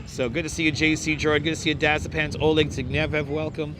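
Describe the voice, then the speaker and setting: Greeting livestream viewers by name with welcome after welcome, this hoarse man talks casually on a beach boardwalk in a crackly, squeaky voice set a bit high. His delivery is flat and a little fast. Faint traffic and city ambience come through his wireless clip-on mic on the outdoor phone stream.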